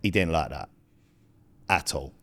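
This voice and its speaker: A man's voice: extremely low pitch, expressive, a little slow, fairly bright tone. A man with a London or Essex accent chatting casually in a matey, slangy way, with plenty of swearing. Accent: English, London or Essex. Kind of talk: casual banter and storytelling.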